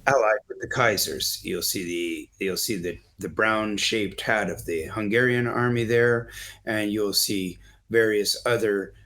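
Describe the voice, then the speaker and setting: A man's voice: fairly low pitch, steady tone, measured pace, fairly bright tone. A middle-aged man from Canada, a guest in an interview, telling long, earnest stories and explaining photos in a discursive way. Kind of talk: storytelling in an interview.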